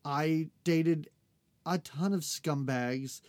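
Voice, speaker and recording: A woman's voice: low-pitched, extremely slow, no room sound. Chatty woman recapping a show. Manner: chatty, animated, laughs often, quotes characters. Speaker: podcast co-host. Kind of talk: casual episode recap chat.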